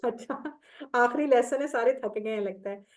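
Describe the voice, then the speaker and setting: A woman's voice: on the high side, normal speed. A woman teaching Quranic Arabic grammar in an online class, patient and step by step, reciting verb tables. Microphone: video call.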